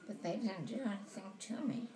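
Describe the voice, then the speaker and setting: An elderly grandmother in casual chat, talking haltingly and forgetfully while chewing. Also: medium pitch, expressive, crowd noise.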